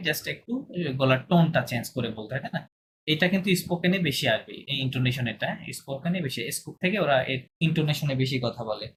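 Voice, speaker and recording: A man leads an online language lesson, working through examples one at a time and asking his students questions to check they follow. His voice sits in a middle pitch. The call carries a clear hiss of background noise. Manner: asks many checking questions, repeats examples slowly. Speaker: language teacher. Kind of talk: online class explanation. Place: online video class.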